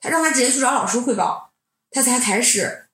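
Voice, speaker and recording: A woman in her twenties, a doctoral student, telling a candid personal story in an animated, sometimes heated way. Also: on the high side, fairly quick. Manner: animated, heated, then reflective. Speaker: doctoral student recounting mentoring. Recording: roomy echo.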